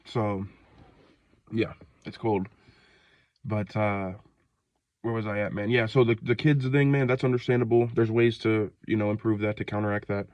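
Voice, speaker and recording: A man's voice: fairly low pitch, fairly even intonation, normal speed, long pauses, darkish tone, dry recording, highs cut off. A man in his twenties, sick and short of breath, rambling loosely in a slangy casual rant, outdoors in the cold. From Ohio, United States. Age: 20s. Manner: rambling, loose, slangy, many fillers and restarts. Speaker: vlogger.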